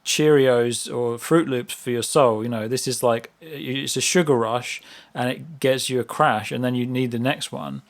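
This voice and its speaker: A man's voice: mid-range voice, measured pace. A man who is a guest on a casual podcast chat, musing aloud in loose analogies.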